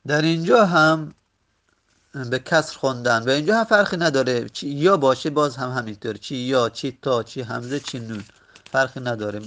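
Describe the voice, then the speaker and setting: Man slowly reciting an Arabic grammar lesson. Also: mid-range voice, fairly bright tone. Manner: slow, repetitive recitation of word forms; self-correcting, with frequent pauses. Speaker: teacher.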